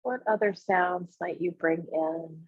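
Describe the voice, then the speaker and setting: In a guided visualization, a female meditation guide with a slightly husky, fairly low voice gives short, unhurried instructions, pausing between phrases. The audio is muffled, roomy and echoey.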